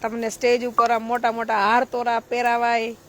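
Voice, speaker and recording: A woman's voice: fairly high pitch, monotone, moderate pace. A woman, a charity social worker giving a blunt, preachy live-stream talk full of rhetorical questions.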